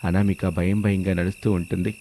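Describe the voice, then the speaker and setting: A man narrating a family story in a steady, measured way. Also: low voice.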